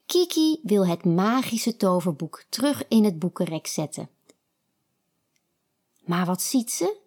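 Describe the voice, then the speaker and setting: A woman reading a children's story aloud, slow and expressive. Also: medium pitch.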